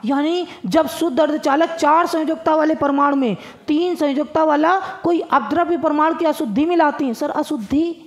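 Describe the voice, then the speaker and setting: A male coaching-class physics teacher drills exam material. His voice runs high, and he teaches in a playful, sing-song manner. He keeps breaking into folksy dialect banter with his students. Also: moderate pace, few pauses. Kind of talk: exam-prep physics lesson.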